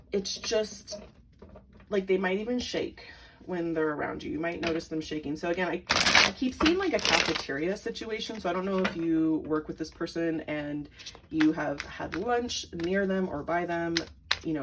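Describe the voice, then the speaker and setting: A woman's voice: fairly low pitch, noisy background. A woman giving a tarot reading to her viewers, chatty and full of "like", breaking into frequent giggles. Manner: chatty, filler-heavy with repeated "like". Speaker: tarot reader.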